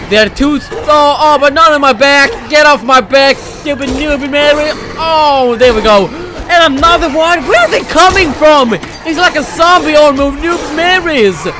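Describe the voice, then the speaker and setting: Excitable high-voiced man gaming. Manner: excitable, exclamatory, frequent swearing. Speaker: let's play gamer. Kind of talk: live gameplay commentary. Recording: loud game music and sound behind the voice. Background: video game music and effects.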